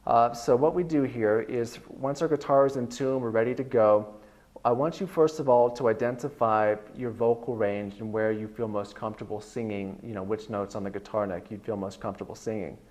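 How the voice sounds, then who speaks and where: In an online video, a bass-baritone man gives a guitar lesson, talking briskly yet in a loose, meandering way full of fillers.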